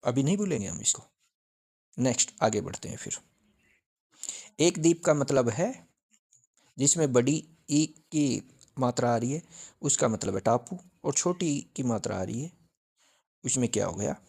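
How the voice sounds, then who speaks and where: A man's voice: mid-range voice, expressive, a little slow, gravelly, long pauses, a little mellow, husky. A male teacher giving an exam-prep grammar lesson, repeating each point and asking questions that he answers himself. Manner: repetitive, drilling with question-and-answer.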